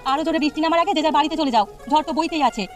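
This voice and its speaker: A woman's voice: high-pitched, racing, soft background music, close to an everyday voice. Woman as a fretful scolding housewife.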